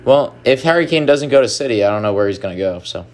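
A man co-hosting a podcast in casual chat, relaxed and wry. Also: mid-range voice, fast. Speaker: podcast co-host.

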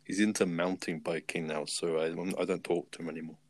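A man's voice: low voice, fairly even intonation, brisk. A teenage boy with a British accent, chatting casually and self-deprecatingly with a friend over an online call. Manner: laid-back, mumbling, self-deprecating. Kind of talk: casual chat.

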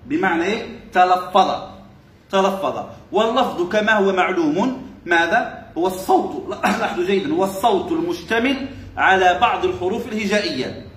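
A high-pitched man teaches a religious text to a class. He repeats each phrase and keeps asking his listeners short questions. His voice rings in an echoey room. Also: animated, brisk, a bit bright.

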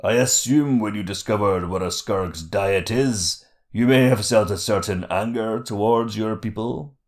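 A man voicing a large, fat monster king who speaks in a slow, mocking, menacing way. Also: fairly low pitch, a little mellow, natural voice. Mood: scheming.

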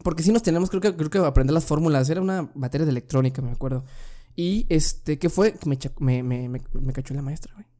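A man's voice: fairly high pitch, fast, dark tone. Slangy young Mexican man telling stories. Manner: slangy, says "güey" constantly, many restarts. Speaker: vlogger giving school advice. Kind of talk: casual storytelling. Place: room at home, family downstairs.

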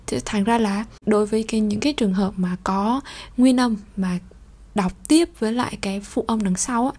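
A woman teaching a pronunciation lesson. She slowly repeats French model phrases, sometimes in a whisper, then explains them quickly in a conversational way. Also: medium pitch, dark tone.

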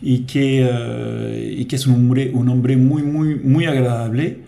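A man from France, French his first language, talks easily as a radio guest, pausing often with little fillers. His voice sits in an ordinary middle pitch. He sounds like a studio interview. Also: creaky. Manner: relaxed, chatty, many hesitations. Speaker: guest, company director.

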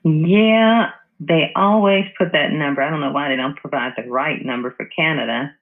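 Male call-centre agent from Texas, hesitant and helpful, gravelly, thin telephone sound. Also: fairly high pitch, moderate pace. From Texas, United States. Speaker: roadside assistance call agent. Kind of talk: phone customer service talk. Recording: muffled narrow phone line.

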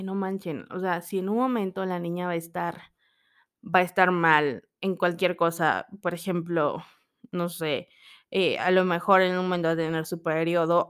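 A young woman talking casually and personally, telling stories and acting out what others said. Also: mid-range voice. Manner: chatty, storytelling, expressive quoted voices.

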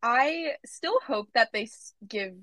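A woman's voice: a little high, animated, slow pace, pushed and bright, no room sound. Woman guest rambling casually with lots of ums, dry sound. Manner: chatty, hedging with fillers. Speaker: podcast guest. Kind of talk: casual chat.

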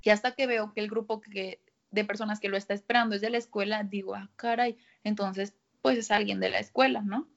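A woman's voice: medium pitch, fairly even intonation, fairly quick, vocal fry. Young Mexican woman, chatty and slangy. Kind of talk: casual storytelling. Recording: dull lo-fi sound.

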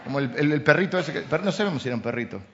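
A man with a Rioplatense Spanish accent preaching a sermon as pastor, swinging from loud emphatic lines to soft intimate asides. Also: on the high side, animated, racing, heavy background noise. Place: church. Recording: slightly dull lo-fi sound.

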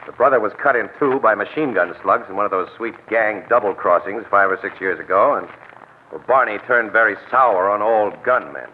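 Actor as Casey, low-voiced streetwise newsman, vintage radio. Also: brisk, natural voice. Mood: matter-of-fact. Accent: American. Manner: casual, slangy, wry. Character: streetwise, easygoing male newspaper crime photographer. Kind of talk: 1940s radio acting. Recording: tinny, noisy old radio recording.

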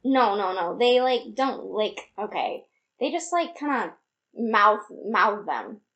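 A woman's voice: mid-range voice, expressive, slow pace, a bit bright, muffled recording. A young woman co-hosting a casual podcast, earnestly explaining animal facts with small laughs. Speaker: podcast co-host.

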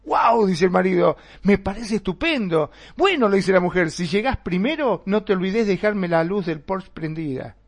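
A man's voice: high voice, animated, normal speed, hardly any pauses. A man on a radio show who tells a joke hesitantly, with many fillers. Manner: hesitant, joking. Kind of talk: casual radio chat, telling a joke.

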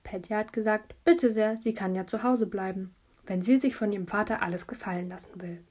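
A woman's voice: mid-range voice, fairly even intonation, fairly quick, a little mellow. Woman narrating a children's story. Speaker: audiobook narrator.

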